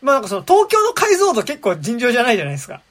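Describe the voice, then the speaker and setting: A man's voice: very high voice, wildly swooping pitch, racing, fairly bright tone. A man chatting casually as a podcast panelist, rambling with many fillers and restarts and laughing asides. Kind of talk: casual chat about a film.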